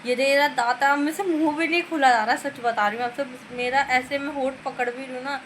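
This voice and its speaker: Woman, casual rambling vlog, softly spoken with sore mouth, bright sharp tone, phone camera. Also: sits high, fairly even intonation, fairly quick, slight background noise, poor audio. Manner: rambling, chatty, keeps calling the viewers guys. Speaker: vlogger. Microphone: phone camera filming herself.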